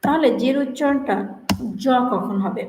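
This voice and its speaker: A woman teaching an English grammar lesson, explaining slowly, repeating words and asking questions to her students. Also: sits high, lively intonation. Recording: echoey room with faint hiss.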